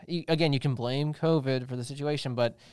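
A young man co-hosts a casual podcast, rambling and circling back to restart his sentences. His voice is smooth and clear. It sits close on the mic in a dead, dry room. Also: mid-range voice, steady tone, moderate pace, darkish tone, dry recording. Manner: rambling, self-interrupting, restarts. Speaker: podcast co-host. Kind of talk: casual chat.

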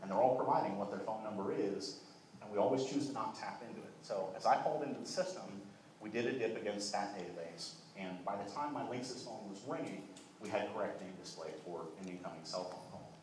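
A young man giving a conference keynote, talking quickly and fluently with frequent "uh" restarts, in a large hall. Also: lowish voice, a little mellow. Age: young adult. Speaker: keynote speaker. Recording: echoey hall, voice from far off, faint noise.

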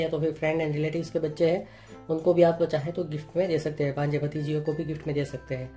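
Warm in tone and a little high, this man's voice guides an indoor unboxing at a table. As the channel's host, he reviews each product in plain explanatory Hindi loaded with repeated "jo hai" fillers, with clear music running underneath.

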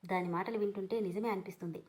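A proud young mother from a read-aloud story who snaps back indignantly, as a woman narrator voices her. Her lines come out sharp and bitter. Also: mid-range voice, fairly even intonation, quick pace, lightly acted, low-quality recording.

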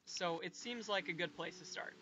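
A man hosting a gameplay video, chatting casually and often pausing to say hold on a second. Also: sits high, muffled recording, background noise. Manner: halting, keeps saying to hold on.

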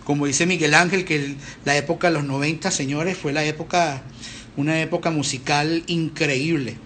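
A man's voice: fairly high pitch, fairly even intonation, normal speed, a bit bright, a little hiss or hum. A middle-aged man, hosting a casual live stream in a rambling, chatty way. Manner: rambling, chatty, with restarts and fillers.

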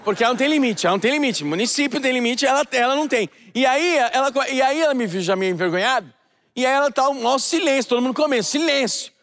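Stand-up comic from Brazil, man with a very high voice, acts out every person in the story, stage mic. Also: expressive, fast, a bit bright. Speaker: stand-up comedian. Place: theater stage before a live audience.

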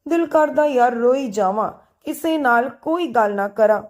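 Woman doing a young bride-to-be, tearful and sharp-tongued, slightly high voice, storybook reading. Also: expressive, moderate pace, close to an everyday voice. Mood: teasing. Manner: tearful, sharp-tongued teasing with her friend. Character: young woman upset about her arranged match.

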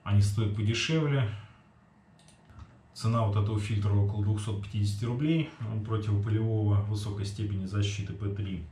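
In a small home kitchen, a man in his forties gives a casual, matter-of-fact product review, explaining things somewhat hesitantly. His voice is fairly low, steady, dark and fairly quick. Filmed by a camera across the table, the recording is distant, with roomy echo and faint noise.

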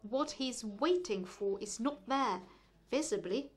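A woman reading translated poetry aloud at a measured, deliberate pace, with a brief explanatory aside. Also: a little high, animated. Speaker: poetry reader.

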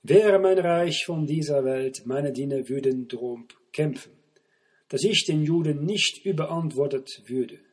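A man voicing Jesus in a scripture reading, speaking slowly and quietly. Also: a little high, breathy edge. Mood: solemn.

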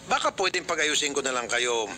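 A middle-aged man hosts a public affairs radio mediation of a complaint, speaking at a medium pitch in a brisk, expressive, pushed and bright voice. He is firm and lecturing, frequently cutting in to question both sides, with faint music in the background.

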